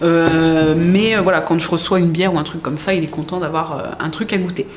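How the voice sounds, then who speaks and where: A woman's voice: low-pitched, fairly even intonation, brisk. A woman vlogging an unboxing in a casual, rambling way, full of fillers and self-corrections. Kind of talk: casual chatty product unboxing. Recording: echoey room with faint background noise.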